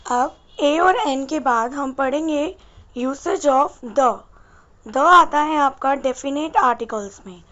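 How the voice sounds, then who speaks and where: High-voiced woman teacher quizzing the class. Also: slow, bright, forceful tone, highs cut off. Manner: questions the class and answers herself. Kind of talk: exam-prep English grammar lesson.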